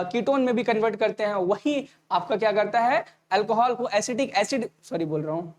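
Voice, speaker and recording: In a casual online exam-prep class, a man with a high voice speaks fast and addresses students directly. He poses each point back to them as a question, then answers it himself.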